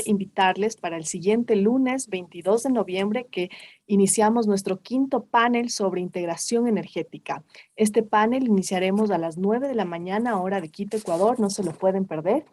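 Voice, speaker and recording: A woman's voice: medium pitch, darkish tone. Woman event host making announcements. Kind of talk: formal closing announcements.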